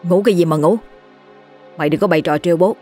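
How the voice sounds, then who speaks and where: A woman's voice: fairly low pitch, fast talker, a little mellow, faint music behind, close to an everyday voice. A woman reading a story and voicing a short-tempered father who scolds curtly. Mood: scolding. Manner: curt and scolding.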